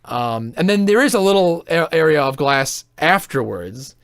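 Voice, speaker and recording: A man's voice: fairly high pitch, expressive, normal speed, fairly bright tone, clean tone, dry recording, studio quality. A man in casual podcast chat, reviewing theme parks in a blunt, opinionated way and swearing freely.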